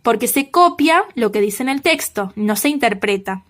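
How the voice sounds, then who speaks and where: Female teacher, high pitched, patient recorded feedback to students, emphatic on examples, frequent check-ins. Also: expressive, fairly bright tone. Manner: checks in with "¿sí?" after nearly every point, many "eh" fillers; slow, emphatic on key examples. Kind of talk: recorded lesson giving feedback on assignments.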